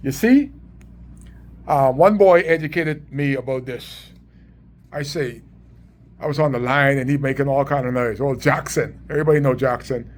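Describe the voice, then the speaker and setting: A man's voice: mid-range voice, moderate pace, long pauses. A middle-aged Bahamian man with a Bahamian accent, telling community stories in an emphatic, repetitive, preaching way. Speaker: community sports organizer. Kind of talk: storytelling monologue.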